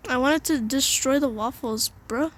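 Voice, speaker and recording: A young woman giving casual, giggly gameplay commentary, excitable and slangy, with sudden shrieks. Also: high voice, normal speed. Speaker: gamer.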